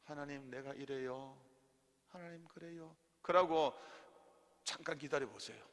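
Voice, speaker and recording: Animated pastor in a church hall. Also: male voice, mid-range voice. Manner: animated, calls for repeat-after-me and amens. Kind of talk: sermon-style theology class. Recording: hall reverb.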